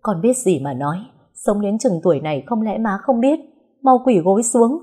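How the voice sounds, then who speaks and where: A woman's voice: mid-range voice, very animated, brisk, dark tone, husky. A woman voicing a frightened, superstitious old mistress of a rich household. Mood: alarmed. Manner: panicky, superstitious.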